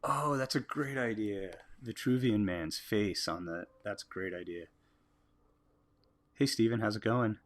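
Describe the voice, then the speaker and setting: An American man livestreaming as he draws, musing aloud in a relaxed way and chatting with his viewers. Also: fairly low pitch, measured pace. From United States. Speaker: artist livestreaming a drawing. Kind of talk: casual livestream commentary while drawing.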